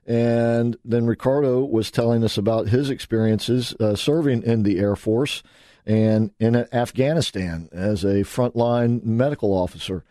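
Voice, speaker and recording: A man hosting a radio talk show, interviewing guests in a halting, restarting way. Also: medium pitch, dark tone, dry recording.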